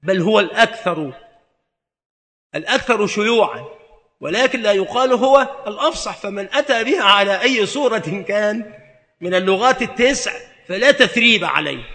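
A man's voice: high voice, lively intonation, a little fast, sharp tone, big-room sound. A man giving a methodical classroom lesson on a religious text, spelling out word variants one by one. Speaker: religious teacher.

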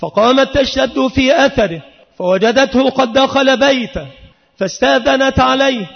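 A man preaching a sermon in an emphatic, rhythmic style that rises into sung and shouted passages. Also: very high-pitched, moderate pace, gravelly. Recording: long hall reverb, dull lo-fi sound.

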